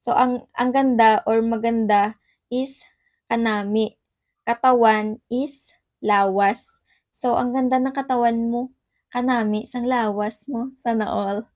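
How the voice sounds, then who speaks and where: A woman hosting a casual language lesson vlog, laughing often and repeating words slowly. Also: on the high side, fairly even intonation, darkish tone, no room sound, studio quality. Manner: cheerful, laughs often, slow repetition of words. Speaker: vlogger teaching Ilonggo phrases.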